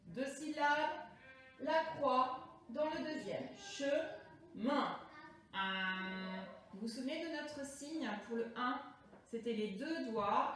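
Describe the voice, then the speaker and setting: A woman teaching young primary pupils a remote lesson, speaking slowly and deliberately and stretching out words for the children. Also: high voice, a bit bright. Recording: echoey room, voice from a distance.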